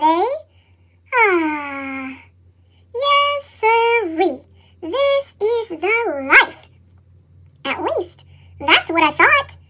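Chipmunk-effect storybook narrator: a cheerful couch potato, very high and bright, lively playful read-aloud. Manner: bouncy, expressive, with playful sound effects. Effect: sped-up high-pitched chipmunk voice effect.

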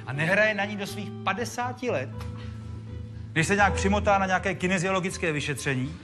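A man giving a lively storytelling talk to a live audience, joking and acting out the characters. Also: high-pitched. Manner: animated, jokey, acts out the characters. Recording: music playing behind.

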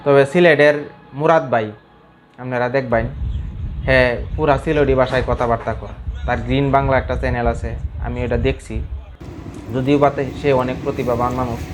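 A man vlogging in a thick Mymensingh Bengali dialect, chatting casually to his viewers. His pitch sits at an ordinary middle height and barely moves, and he rambles on with halting fillers. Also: fairly even intonation, slight background noise. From Mymensingh region, Bangladesh. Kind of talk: casual talk to camera.

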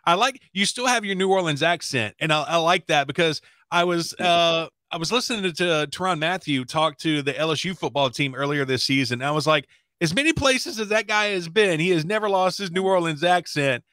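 A man's voice: on the high side, animated, fairly quick, pushed and bright, no echo. A man in his forties hosting a casual sports interview in an upbeat, emphatic way, close on the microphone. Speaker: sports show host, interviewer. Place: indoors, streaming setup.

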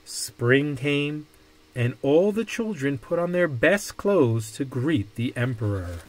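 A man reading a children's picture book aloud with deliberate, dramatic phrasing. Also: medium pitch, big pitch swings, low-quality recording. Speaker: storybook reader.

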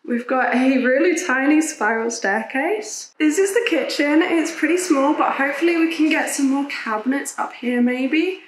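Young woman vlogging, chatty, bit high voice, camera held out, faint hum behind. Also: normal speed, few pauses. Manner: chatty and upbeat, talking to camera. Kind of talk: casual vlog narration. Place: empty small house, indoors. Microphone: handheld camera at arm's length. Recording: echoey empty rooms.

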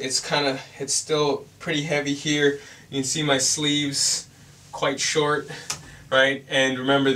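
Young guy rambling earnestly to camera, bright voice, mic kinda far off. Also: mid-range voice. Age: young adult. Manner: rambling, earnest, many fillers and restarts. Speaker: vlogger. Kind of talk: casual reflective vlog.

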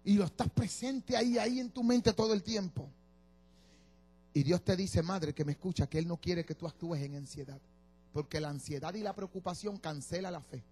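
A man's voice: sits high, a little mellow, breathy edge. A man preaching a sermon, exhorting his congregation and leading them in call-and-response.

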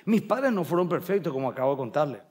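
A man's voice: fairly high pitch, sing-song, fast, darkish tone. A middle-aged man with a Paraguayan Spanish accent, a pastor preaching a sermon and telling family stories while acting out the voices of relatives.

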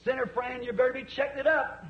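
A man's voice: very high-pitched, little pitch movement, brisk. A man preaching fervently, rising at times to cries, on an old sermon recording. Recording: echoey dull archive tape.

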